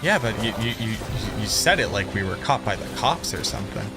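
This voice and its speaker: A man's voice: on the low side, lively intonation, a little fast, over loud music. A man with a Boston accent bantering casually on a game stream, teasing, repeating himself insistently and swearing freely. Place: live stream voice chat with game music behind.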